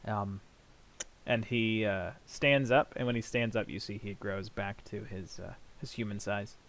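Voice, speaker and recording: A man runs a tabletop game as its narrator. His pitch is on the low side. He describes the scene in a measured, improvised way, with hesitant gaps. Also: steady tone, a bit bright. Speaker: game master.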